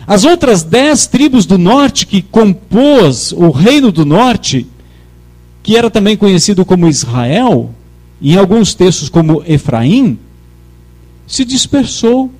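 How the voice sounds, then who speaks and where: A man with a notably high voice delivers a sermon at an unhurried pace. He presses each point emphatically and calls for his congregation to repeat his words back. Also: sing-song, darkish tone. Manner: emphatic, leads the congregation in call-and-response. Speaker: preacher.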